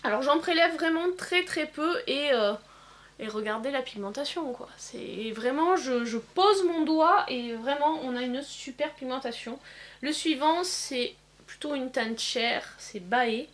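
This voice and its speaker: A woman demonstrating eyeshadow swatches in a casual vlog, pausing often with fillers. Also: high-pitched, a bit bright. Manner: hesitant, many filler pauses. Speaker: beauty vlogger. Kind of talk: casual makeup swatch demo.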